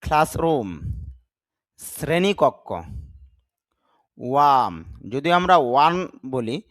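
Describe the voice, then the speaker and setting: A man's voice: on the high side, a bit bright, dry recording. A man teaching English vocabulary to learners, saying each word, repeating it, spelling it out and explaining how to pronounce it correctly. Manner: slow, deliberate, repeats words and spells them out. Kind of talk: vocabulary lesson with pronunciation drills.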